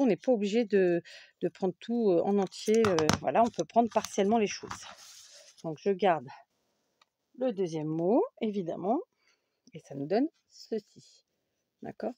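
A woman's voice: mid-range voice, mellow, a little hiss or hum. A woman hosting a casual scrapbooking tutorial, chatty and full of fillers, correcting herself as she works at a craft table.

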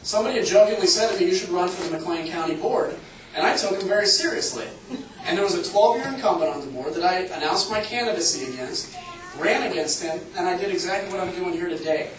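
A high, slightly bright voice carries an earnest, conversational town hall campaign speech by a congressional candidate from Illinois in his thirties. He is far from the mic in an echoey public meeting room, with faint ambience and a little hiss or hum.

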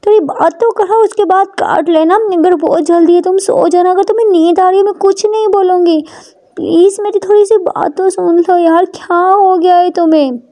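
Brief: woman doing a high, insistent young girlfriend, coaxing and wheedling, storybook. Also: fairly even intonation, moderate pace, warm tone. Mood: pleading. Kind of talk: storybook voice acting.

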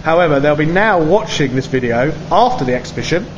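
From behind the camera in an indoor pub, a charity organiser filming the artist explains at length and earnestly in an animated, high-leaning voice, talking fairly quickly. The camera mic gives a dull sound with clear background noise.

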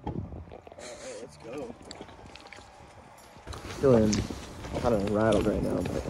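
A man's voice: on the low side, slow pace, creaky, over music. A young man on a mountain hike, chatting casually and joking with friends, recorded outdoors on a handheld camera. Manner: relaxed, joking banter. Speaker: hiker. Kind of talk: casual chat among friends.

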